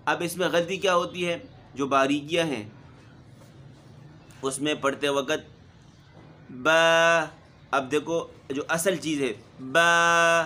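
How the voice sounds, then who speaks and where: A middle-aged man teaching Quran recitation, explaining steadily and then sounding out single letters loudly again and again. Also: on the high side. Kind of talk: spoken Quran pronunciation lesson.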